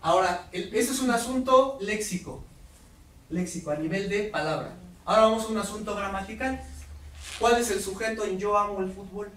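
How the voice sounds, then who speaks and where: A man giving a lively workshop lecture to teachers, putting questions to the audience. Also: sits high, moderate pace. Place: lecture hall. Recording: roomy hall audio from far off, faint noise.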